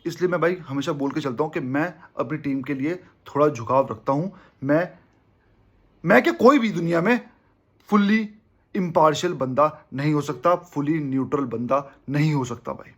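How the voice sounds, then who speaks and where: Emphatic husky-voiced man from India. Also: a little high, normal speed. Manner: emphatic, keeps calling listeners brother. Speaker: football fan channel host. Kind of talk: casual opinion monologue to viewers.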